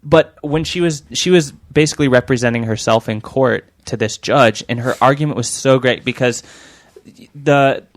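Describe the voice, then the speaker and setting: A man's voice: medium pitch, normal speed, dry recording. A man co-hosting a comics podcast, chatting casually and rambling with lots of filler words. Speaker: podcast co-host. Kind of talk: casual chat.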